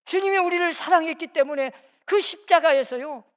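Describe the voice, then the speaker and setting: A woman pastor from the Jeolla region giving a sermon, swinging between loud emphasis and soft, low phrases, and acting out the speech of people in the story. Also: fairly quick. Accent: Korean, Jeolla region. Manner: acts out quoted speech of scripture figures. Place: church sanctuary.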